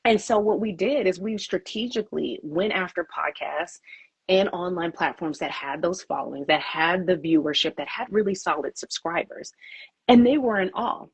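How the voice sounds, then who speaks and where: Husky, emphatic woman publicist. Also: on the low side, normal speed, dry recording. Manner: emphatic, repeats key points. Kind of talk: interview answers.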